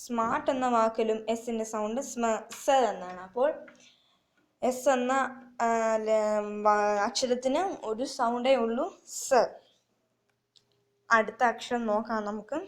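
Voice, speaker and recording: A young woman teaching children letter sounds, slowly and repetitively, asking questions and answering them herself. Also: a little high, steady tone. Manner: slow, repetitive, asks and answers her own questions. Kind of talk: phonics lesson for children.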